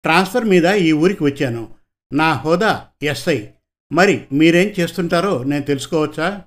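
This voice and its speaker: Easygoing young cop guy, smiley tone, bit high voice, read by the narrator. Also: animated, normal speed, close to an everyday voice. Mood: friendly. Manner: easygoing, smiling. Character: young male police sub-inspector, friendly and good-humored. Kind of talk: audiobook character voice.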